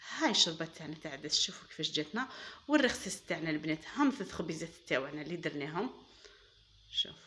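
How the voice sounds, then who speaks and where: Fast-talking Algerian woman cooking host. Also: sits low, animated, bright, forceful tone, slight background noise. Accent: Algerian Arabic. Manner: chatty, addresses viewers as girls, enthusiastic praise. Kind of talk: casual cooking demonstration.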